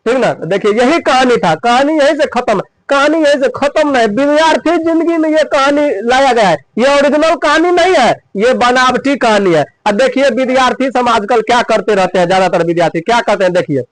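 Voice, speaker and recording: A man's voice: extremely high pitch, expressive, a little fast, hardly any pauses, no echo, low-quality recording. A man telling and explaining a textbook story, asking and answering his own questions again and again.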